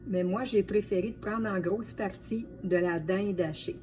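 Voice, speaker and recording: Speaking with a Quebec French accent, this woman, a home cook and video host, keeps her cooking demo casual and talks to viewers like old friends. She has a mid-range, darkish voice and a measured pace. Sound comes from a distant mic, with light background noise.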